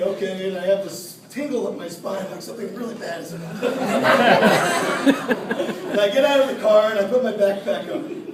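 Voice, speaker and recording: Young man, fairly high voice, humorous birthday speech, laughs through his stories, echoey room, distant mic, loud crowd. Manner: laughs often while telling anecdotes. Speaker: son giving a speech at his father's birthday party. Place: party room.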